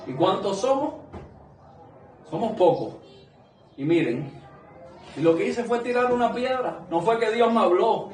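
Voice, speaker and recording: A man's voice: high-pitched, animated, unhurried, pauses often, darkish tone. A man preaching a sermon to a small congregation, earnest and conversational, asking many rhetorical questions. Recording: echoey room, mic at a distance.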